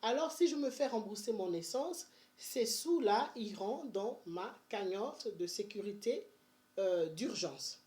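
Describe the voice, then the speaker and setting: Woman vlogger, Benin-born, chatty and energetic, casual advice talk. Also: mid-range voice, measured pace. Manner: chatty and energetic, with many fillers and restarts. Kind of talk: casual money-saving advice vlog.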